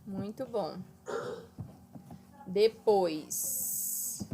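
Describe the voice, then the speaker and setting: Slow-speaking woman teacher. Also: medium pitch, dark tone. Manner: patient, checks understanding with "tá?" and "né?". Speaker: primary school teacher. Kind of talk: online class explaining textbook exercises.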